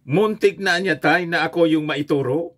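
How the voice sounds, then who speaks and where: A man voicing an excited high school boy telling his father about school honors in a spoken joke. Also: normal speed.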